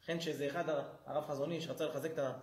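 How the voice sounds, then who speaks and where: A man, a rabbi, giving a humorous lesson in a synagogue and acting out the people in his stories. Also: fairly high pitch. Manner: lively storyteller who acts out quoted people. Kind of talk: humorous sermon. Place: synagogue hall. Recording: roomy synagogue echo.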